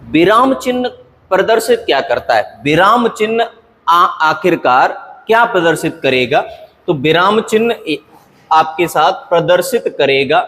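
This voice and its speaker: A male grammar teacher with a fairly high voice, lecturing patiently and repeating each point. He slows right down to read example sentences with deliberate pauses. His voice rings with a long hall reverb. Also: fairly bright tone. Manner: patient, repetitive explaining with frequent "okay" check-ins. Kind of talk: classroom lecture.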